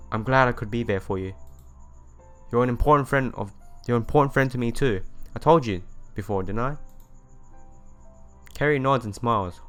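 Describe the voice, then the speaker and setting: A man's medium-pitched, fairly bright voice reads a visual novel aloud as music plays behind it. He tosses in casual asides and now and then stumbles on words, going back over them.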